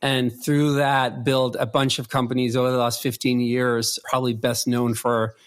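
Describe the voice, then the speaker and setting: A middle-aged man talks through his career in an easy, rambling way, padding his sentences with "like" and "uh." His voice sits at a plain, middle pitch. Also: flat delivery, smooth. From Denmark. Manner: quick, loose storytelling with many "like" fillers. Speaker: guest, co-founder. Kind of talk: casual interview chat.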